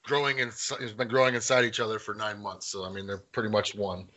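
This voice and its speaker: Middle-aged guy, really bright tense voice, easygoing slangy chat, trails off a lot. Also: on the low side, level tone, fairly quick. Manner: laid-back, slangy, trails off. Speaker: host. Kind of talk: casual chat.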